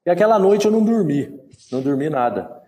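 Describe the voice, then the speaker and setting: A Brazilian man in his sixties, a former footballer, telling stories in an interview with lively, repetitive phrasing. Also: on the high side, quick pace. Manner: lively storyteller who acts out quoted dialogue and repeats words. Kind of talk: storytelling in an interview.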